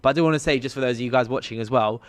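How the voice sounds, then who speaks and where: A Londoner co-hosting a podcast chats about sports on a live stream, talking rapid-fire in a mid-range voice. He rambles, restarts his sentences, and speaks directly to viewers, with a clean tone and no room sound.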